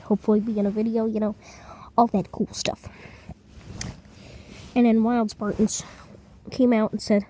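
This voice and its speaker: A woman telling an improvised comic story in a rambling, deadpan way. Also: on the high side, moderate pace, long pauses, slight background noise.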